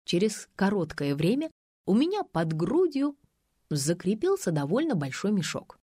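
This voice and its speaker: A woman narrating a comic first-person audiobook with wry, deadpan humor. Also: medium pitch, normal speed, slightly rough, no room sound, clean studio sound.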